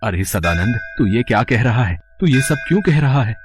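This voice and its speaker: A man's voice: mid-range voice, moderate pace, music in the background, natural voice. A man doing a bossy village headman. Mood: angry. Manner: loud, commanding, animated. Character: bossy middle-aged male village headman.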